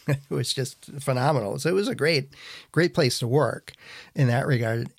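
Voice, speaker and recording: Middle-aged man, gravelly voice, animated casual host, dry recording. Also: mid-range voice, normal speed, no room sound. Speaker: podcast host. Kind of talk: casual interview chat.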